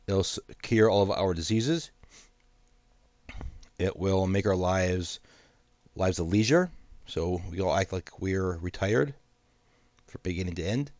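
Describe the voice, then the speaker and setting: A man with a deep, low voice talks through his points with a steady, cautionary manner and the odd wry aside. His voice sounds congested from a sinus infection. The sound is dry and close, with no room around it. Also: measured pace, pauses often, no room sound. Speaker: host of an AI commentary channel. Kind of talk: solo commentary to camera.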